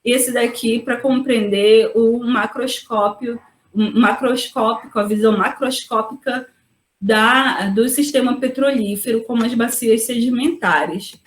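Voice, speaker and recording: A woman's voice: on the high side, steady tone, a little slow, reverberant. A woman geologist giving a webinar lecture, explaining step by step and checking in with tag questions. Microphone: video call.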